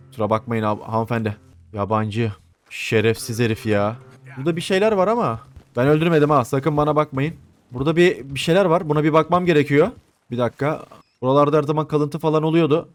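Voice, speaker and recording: Young male let's-play host, slightly high voice, jokey and profane, chats at the game. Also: dry recording. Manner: joking, swearing, talks to game characters. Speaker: gameplay commentator.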